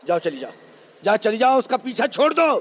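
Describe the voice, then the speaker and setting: A man's voice: very high-pitched, very animated, brisk, a little hiss or hum. An actor playing a stern, angry father who scolds harshly and raises his voice, with drama score music behind. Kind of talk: 1980s TV drama acting.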